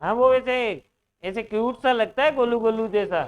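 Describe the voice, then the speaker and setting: A man's voice: very high-pitched, moderate pace, clear, resonant tone, narrow, tinny audio. A man teaching a reasoning class in Hindi with a Rajasthani accent, joking with and teasing his students as he sets problems in a classroom.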